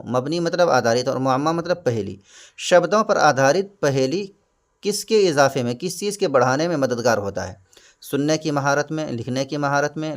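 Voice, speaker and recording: A man walks through exam questions one by one, pausing to restate hard words in simpler ones. His voice sits a little above the usual male range, and his delivery is patient and explanatory. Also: on the high side. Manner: patient, repeats and glosses terms. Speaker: exam prep teacher.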